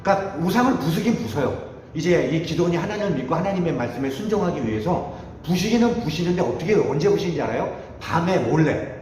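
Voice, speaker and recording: A man delivers a lively sermon, acting out the people in his story and poking fun at himself. His pitch sits a little high and swings widely. The sound is very echoey, with a long hall reverb and faint room noise behind him. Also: quick pace. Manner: animated, acts out quotes, self-mocking. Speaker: youth group preacher. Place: church hall.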